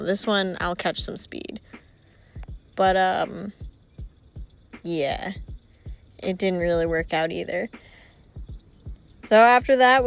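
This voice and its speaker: A woman's voice: medium pitch, slight background noise. A woman narrating her travel vlog in a chatty, upbeat voice-over. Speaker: travel vlogger.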